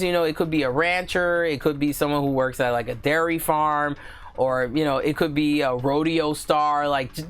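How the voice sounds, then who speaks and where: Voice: medium pitch, fairly bright tone. Host of a book channel; casual, filler-heavy live chat, gushing and giggly. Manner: chatty, filler-heavy, keeps addressing viewers as guys.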